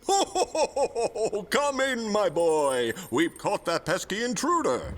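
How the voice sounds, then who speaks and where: An actor playing a jolly, reassuring old Santa with an avuncular manner in an audio drama. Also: male voice, high voice, very animated, a little slow, slight background noise. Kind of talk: scripted audio drama acting. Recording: long reverberant hall sound.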